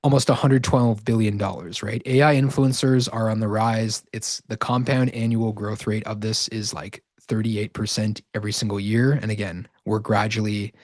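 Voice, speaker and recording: A man hosting a live webinar sales pitch, slightly hoarse from talking, who tags nearly every sentence with "right?". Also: level tone, normal speed, few pauses, no echo, clean studio sound. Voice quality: verbal tic, repeating "right?". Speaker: online course host.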